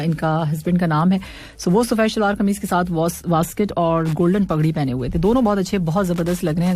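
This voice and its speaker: A woman's voice: lowish voice, mellow. A woman hosting an evening radio show, chatting casually, reading listener messages and poetry, and laughing often.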